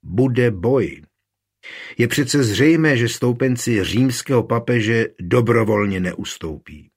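A man's voice: mid-range voice, expressive, breathy edge. A man reading an urgent, emphatic nobleman calling for armed struggle.

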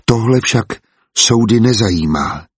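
A man's voice: fairly low pitch, animated, breathy edge, dry recording. A man voicing a hardened former executioner who speaks coldly and bluntly. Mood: cold, firm. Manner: cold, blunt. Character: hardened former executioner, steady husband, nerves of steel.

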